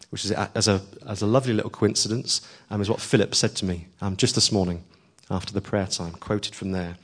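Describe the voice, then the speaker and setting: Telling a story during a sermon, a man with a lowish voice preaches earnestly and emphatically. He raises his voice on important lines and says um often.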